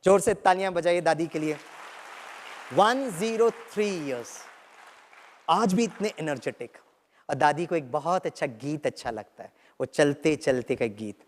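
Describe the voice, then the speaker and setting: A man's voice: on the high side, a little slow, some chatter behind, a little hiss or hum. A man from Kerala whose first language is Malayalam, leading an audience in a guided meditation talk. He mixes English phrases into his speech and keeps asking "right?". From Kerala, India. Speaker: spiritual teacher. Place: large lecture hall with an audience. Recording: long reverb in a hall.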